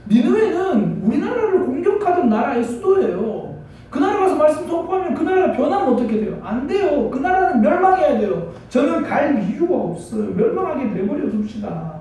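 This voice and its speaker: A man's voice: very high voice, big pitch swings, a little fast, mellow, pitched above the performer's own voice, full character voice. A male pastor voicing a stubborn male prophet who refuses God's command, complaining defiantly, in a hall with heavy echo. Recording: echoey church hall from far off.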